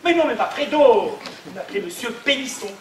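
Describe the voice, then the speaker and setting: A man's voice: extremely high pitch, animated, a little fast, slight background noise. Stammery bossy guy in a play, far off in a roomy theatre. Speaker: stage actor playing a flustered businessman. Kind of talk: amateur stage comedy. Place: theatre stage. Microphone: far room mic. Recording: echoey stage from far off, audience.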